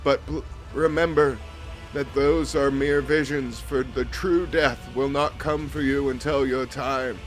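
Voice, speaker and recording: A man doing a solemn, high-pitched cult vizier. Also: fairly even intonation, unhurried, faint music behind, lightly acted, rough recording. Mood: solemn warning. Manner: ceremonial, grandly proclaiming. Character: solemn cult vizier, thunderous, withered priest of death. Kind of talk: video game dialogue read aloud.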